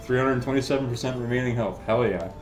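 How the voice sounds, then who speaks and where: A man's voice: medium pitch, fast. A young man hosting a game let's play, chatting casually and swearing a lot. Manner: laid-back, swears a lot. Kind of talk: casual gameplay commentary. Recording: roomy, loud game music behind. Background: game music.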